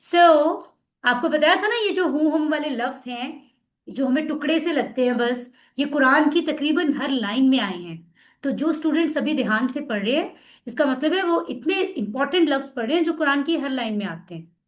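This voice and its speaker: A woman's voice: sits high, expressive, moderate pace. A woman teaching an online class, drilling words aloud and explaining patiently over a video call.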